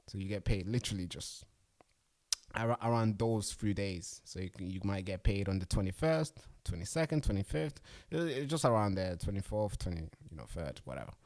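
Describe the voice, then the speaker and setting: Animated swearing man ranting on a livestream. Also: lowish voice. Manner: animated, swearing, swings from mutters to loud outbursts. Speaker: livestream host. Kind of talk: casual livestream rant.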